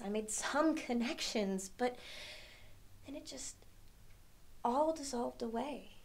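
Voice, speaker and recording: A young woman performing a dramatic monologue as a troubled, pensive single woman, a halting, searching soliloquy full of hesitant pauses. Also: mid-range voice. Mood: reflective, wistful. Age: young adult. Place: indoor studio against a plain backdrop.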